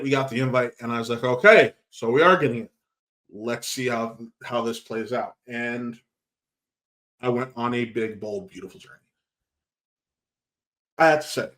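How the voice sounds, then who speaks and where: Male film-review host, mid-pitched, chatty and rambling, casual delivery. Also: a bit bright. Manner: chatty, rambling with restarts and asides. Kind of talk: casual movie review talk.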